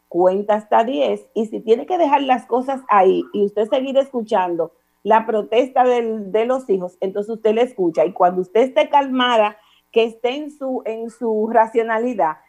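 Middle-aged Dominican woman, slightly high-pitched, patient and teacherly counselor delivering steady advice. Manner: calm, didactic, addresses listener formally with repeated examples. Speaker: parenting counselor guest. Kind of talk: advice talk on a radio or online show.

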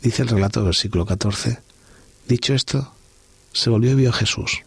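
Middle-aged guy w a doing a bible study podcast, husky voice, dry close sound, lots of thoughtful questions. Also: mid-range voice, normal speed, no room sound. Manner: musing, with rhetorical questions. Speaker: podcast host. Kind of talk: reflective Bible study talk.

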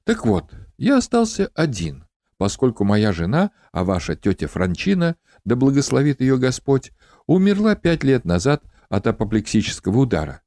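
Guy reading a cheery graying uncle, pleasant voice, chatty and welcoming, lively lilt, dry close sound. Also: medium pitch, normal speed, no echo. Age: middle-aged. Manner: warm, welcoming, talkative. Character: cheerful greying widowed uncle, hospitable.

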